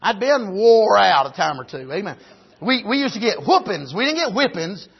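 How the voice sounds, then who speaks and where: Recorded in dull lo-fi, a farm-raised preacher from the rural United States speaks with an Appalachian accent in a very high, husky, rough voice. His sing-song, folksy sermon moves at a moderate pace, circling back over phrases, repeating and restarting them for emphasis and punctuating them with "amen."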